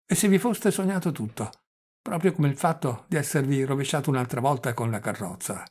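A man's voice: lively intonation, fairly quick, husky. A man voicing a restless impatient young nephew. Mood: pressing. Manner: quieter, lower than the narration, pressing questions. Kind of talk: audiobook character reading.

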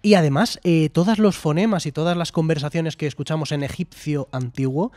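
This is a man, co-hosting a live-streamed podcast chat. He is animated and emphatic, swears freely and rattles along at speed. His voice sits high for a man. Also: a little fast. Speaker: podcast co-host.

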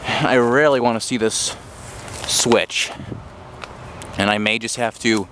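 A vlogger exploring abandoned railroad tracks walks through overgrown woods, narrating slowly in a mid-range voice. He rambles and restarts while talking into a handheld camera mic, with outdoor noise behind him.

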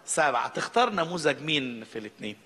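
A man's voice: on the high side, quick pace, husky. A male pastor with an Egyptian accent, preaching a sermon in a conversational way, asking the congregation questions. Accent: Egyptian Arabic. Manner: conversational preaching with rhetorical questions, grows animated. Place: church hall. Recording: reverberant church hall.

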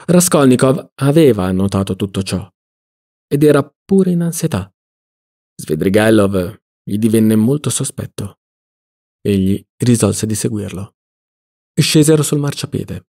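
A man narrating a classic novel as an audiobook reader, in a steady, measured way. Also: fairly low pitch.

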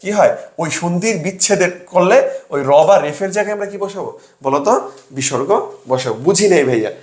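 A man's voice: high voice, lively intonation, brisk, echoey room. Young man drilling a grammar rule. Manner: drills by asking and answering his own questions. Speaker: admission coaching tutor. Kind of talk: classroom lesson with sales pitch.

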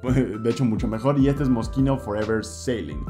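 A young fragrance reviewer with a Mexican Spanish accent moves at a moderate pace through his favorite scents in a casual vlog, gesturing and doubling up words for emphasis. His voice is at an ordinary middle pitch, and soft guitar plays faintly in the small room. Shelves of perfume bottles surround him, with a desk mic in front and the camera at mid distance.

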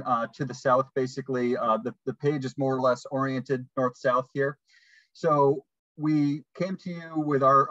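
A man's voice: medium pitch, bright, forceful tone, no echo. A man explaining a plan step by step on a video call, his voice muffled so that he sounds like he is underwater. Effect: muffled, underwater-sounding audio. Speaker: project presenter at a public meeting. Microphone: computer mic on a video call.

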